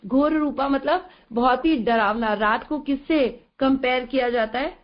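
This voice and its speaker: A woman's voice: sits high, unhurried. A woman explaining scripture verses in an online class, asking rhetorical questions and checking in with her listeners as she goes. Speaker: devotional scripture teacher. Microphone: video call. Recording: dull lo-fi online call audio.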